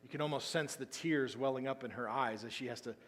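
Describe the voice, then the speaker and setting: A man preaching a sermon as pastor, telling the story with lively emphasis that drops into quiet asides. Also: mid-range voice, fast. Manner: animated storytelling, swinging between loud emphasis and quiet asides. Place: church sanctuary. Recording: long hall reverb.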